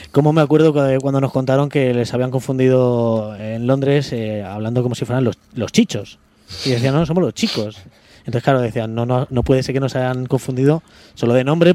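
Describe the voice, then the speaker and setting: Mellow-voiced man reminiscing on radio. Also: mid-range voice, fairly quick, no echo. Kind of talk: casual radio chat.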